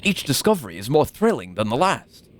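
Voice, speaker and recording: A man's voice: mid-range voice, big pitch swings, fairly quick, a little hiss or hum, natural voice. A man voicing an earnest, grateful old scholar in a formal manner, reading out video game dialogue.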